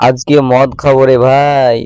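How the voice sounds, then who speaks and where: A man's voice: medium pitch, monotone, measured pace, a little mellow, smooth, dry recording, natural voice. A young man playing a cocky, slangy lad in a comedy skit, bossing and teasing his drinking pals. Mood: brash, eager. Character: cocky young man plotting a boozy session with friends.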